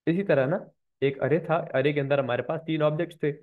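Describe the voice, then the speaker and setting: A man's voice: fairly high pitch, steady tone, fairly quick. A man with a slightly sore throat teaching a programming lecture, walking students through code step by step and repeating key points. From Pakistan. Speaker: programming instructor. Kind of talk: screen-recorded coding lecture. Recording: tinny phone-like recording.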